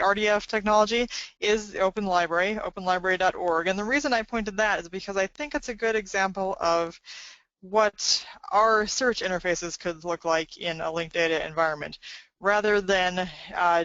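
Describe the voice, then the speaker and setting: A woman's voice: lowish voice, a bit bright, dry recording, highs cut off. A woman presenting a library webinar in a conversational way, with frequent fillers.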